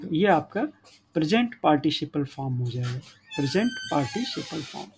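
Male grammar teacher, slightly high voice, patient classroom explaining, faint hiss. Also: big pitch swings, moderate pace, rough recording. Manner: addresses students as children, frequent checking tags. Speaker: English teacher.

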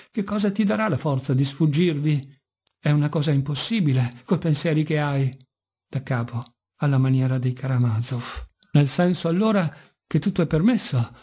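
A man's voice: fairly high pitch, mellow, breathy edge. A man reading as a pained, pleading young novice. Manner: pleading, sorrowful.

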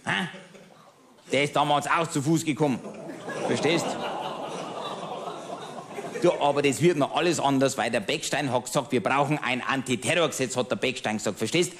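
A man's voice: medium pitch, moderate pace, pauses often, background noise, lightly acted. A cabaret comedian playing a bigoted, middle-aged Bavarian man who rants smugly and keeps asking "verstehst?", speaking with a Bavarian accent. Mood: scornful. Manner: ranting, self-satisfied, keeps asking "verstehst?". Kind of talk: cabaret monologue.

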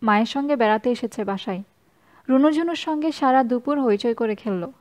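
A woman reading a novel aloud as an audiobook narrator in a calm, even storytelling manner. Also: a little high, brisk. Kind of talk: scripted narration.

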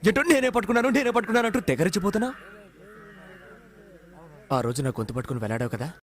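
An actor playing a cheeky young con man in dubbed film dialogue, quick-witted and mocking. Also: high-pitched, sing-song. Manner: mocking, quick-witted, fake tearful pleas.

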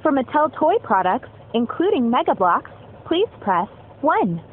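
A woman's voice: sits high, very animated, slight background noise. Give me a recorded phone-menu woman over a tinny line. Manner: polite, measured, evenly paced. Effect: recorded phone menu message. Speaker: automated customer service line. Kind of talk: scripted announcement.

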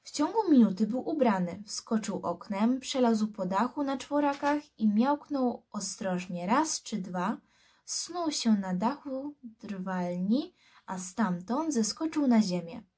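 A woman reading a novel aloud as a scout, in slow, hushed storytelling. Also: on the high side, animated, husky. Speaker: scout reader.

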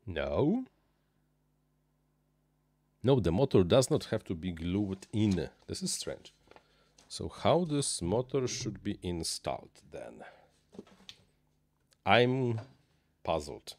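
A low, nasal man with a sing-song, slightly mellow voice talks haltingly, full of uhs, restarts, and non-native phrasing. He's an RC hobbyist building a model plane and chatting unscripted on a live stream from a small indoor home workshop desk. He uses a boom-arm dynamic mic and headphones.

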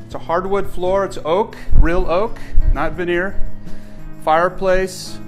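Showing off his rooms, an eager older homeowner speaks in a fairly high voice with a steady tone and slow pace, though he's chatty, enthusiastic, and keeps restarting. Faint music runs under this casual house-tour narration, recorded room to room on a camera mic by someone walking behind him.

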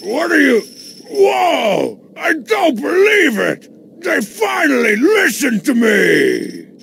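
A man voicing a short-tempered, boastful masked cartoon wrestler with a gravelly, brash, theatrical delivery. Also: high-pitched, very animated, measured pace, fairly bright tone, slight background noise, full character voice. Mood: overexcited. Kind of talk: cartoon voice acting.

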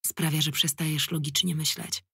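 A woman voicing a weary middle-aged male police commander, gruff but fatherly, who speaks firmly and plainly. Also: deep voice, little pitch movement, moderate pace, a bit bright, no room sound, studio quality, exaggerated voice. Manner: firm, tired and plain-spoken.

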